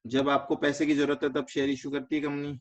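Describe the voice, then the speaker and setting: His voice a little high and his tone level, a man with an Indian accent teaches an online finance lesson in careful steps. He quizzes students with quick questions and weaves English terms through his explanation. The recording is slightly dull and lo-fi.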